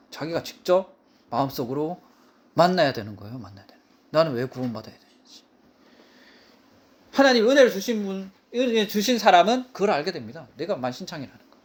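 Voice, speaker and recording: A male pastor preaching a sermon in an emphatic way, often repeating his key phrases. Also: a little high.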